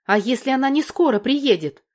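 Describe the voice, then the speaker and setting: A woman reading the part of an eager, impatient young woman in an audiobook, asking pleading questions a little higher than her narration. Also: moderate pace, a little mellow, lightly acted. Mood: alarmed.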